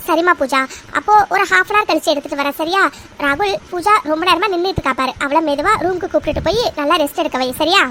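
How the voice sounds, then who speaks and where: Cartoon mother-in-law, middle-aged, hesitant and tearful, very high voice, woman voicing her. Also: bright, forceful tone, slight background noise. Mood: kindly. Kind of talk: cartoon voice acting.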